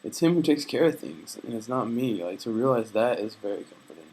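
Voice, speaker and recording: The audio is poor, capturing a mid-range male voice that is expressive and fairly quick, with a darkish tone and breathy edge. A homesick young vlogger, he records a casual personal video diary, speaking in an earnest, reflective, faith-minded way that's hesitant and full of fillers and restarts.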